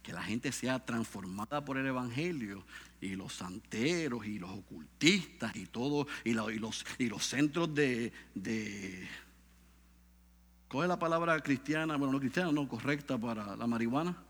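A man preaching a sermon with great drama, dropping low and quiet and then rising to loud, high cries. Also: expressive, measured pace, husky, big-room sound. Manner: swings from hushed to shouting, dramatic.

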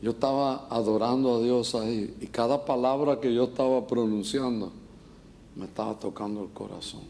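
A man's voice: mid-range voice, steady tone, normal speed, mellow. An older man, a pastor, preaching a sermon with passion, speaking straight to his listeners and mixing in humor. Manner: impassioned, addresses listeners directly with humor.

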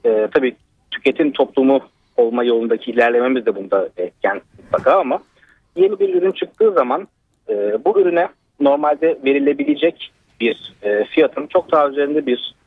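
A man calling a radio show over a landline phone, giving a long, winding opinion with many hesitations. His husky voice swings widely in pitch, and the line sounds tinny and dry. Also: sing-song, fairly quick, dry recording. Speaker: radio caller. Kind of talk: call-in opinion, many fillers.

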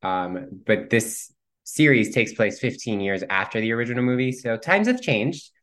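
A man of Cuban heritage whose first language is Spanish chats casually as a guest actor in an interview. His mid-range voice is animated and fairly bright at a moderate pace, playful, full of ums and easy laughter.

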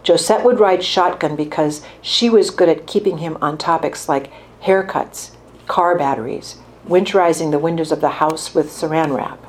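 Author reading, woman with a lowish voice, calm and unhurried. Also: a little hiss or hum. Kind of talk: reading fiction aloud.

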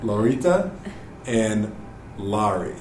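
A man's voice: fairly low pitch, animated, takes it slowly, darkish tone, slight background noise. A man hosting a school podcast, introducing segments and guests in an upbeat, friendly way. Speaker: podcast host. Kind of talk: podcast narration and interview hosting.

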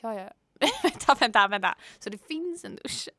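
A teenage girl co-hosting a casual podcast in a small studio, bubbly and giggly, swinging between loud and soft. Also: on the high side, lively intonation, dry recording. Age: teens. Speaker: podcast co-host.

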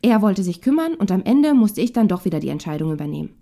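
A woman's voice: medium pitch, big pitch swings, fast, creaky. A woman voicing an angry, tearful young mother who speaks sharply with a rising, breaking voice. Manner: sharp, raised voice breaking into tears.

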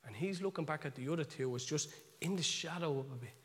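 A man with a Dublin Irish accent, telling a story in a sermon, chatty and animated, with asides to his listeners. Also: a little high, fast, husky. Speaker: preacher. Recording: long reverb of a large hall.

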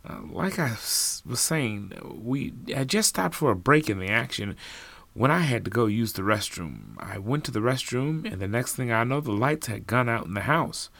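A man's voice: mid-range voice, very animated, moderate pace, creaky, a bit bright, dry recording, full character voice. A man voicing a nervous adult male witness who talks hesitantly and stammers. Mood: flustered.

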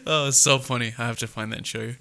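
Bright-voiced chatty young man. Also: mid-range voice, steady tone, racing, gravelly. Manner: chatty storyteller, heavy use of "like". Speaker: podcast co-host. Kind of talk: casual chat.

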